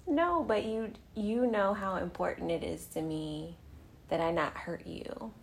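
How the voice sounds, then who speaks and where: Soft-spoken woman with a gravelly edge. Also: on the low side, slight background noise. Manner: slow, tender, often drops to a whisper. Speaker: podcast host and mother. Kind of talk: casual heartfelt conversation.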